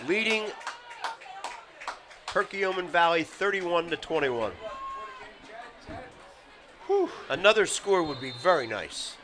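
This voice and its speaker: A man calling live high school football play-by-play in measured calls that rise for big plays. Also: lively intonation. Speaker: play-by-play announcer. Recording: outdoor broadcast with crowd and noise.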